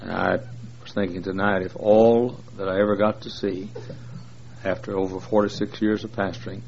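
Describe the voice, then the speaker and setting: This man in his sixties, visiting a large church to preach, banters folksily with the big crowd and uses lots of fillers. He talks at normal speed in a deep, darkish voice with vocal fry and little pitch movement; the audio is dull and lo-fi, with faint noise.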